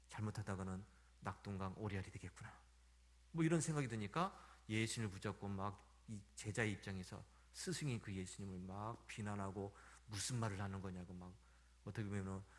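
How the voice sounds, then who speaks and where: A man preaching a sermon as a pastor, retelling a Bible story and speaking directly to his listeners. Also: on the low side. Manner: storytelling, addressing the congregation directly.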